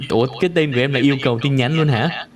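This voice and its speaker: A man teaching English pronunciation in a live online lesson. He drills words slowly and repeats them many times. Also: mid-range voice, a little hiss or hum.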